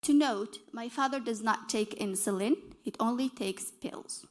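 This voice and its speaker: A woman's voice: on the high side, measured pace. Earnest young woman from Algeria presenting. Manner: earnest, explanatory, with frequent self-corrections. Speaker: conference speaker, dietitian. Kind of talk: conference presentation. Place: conference session hall.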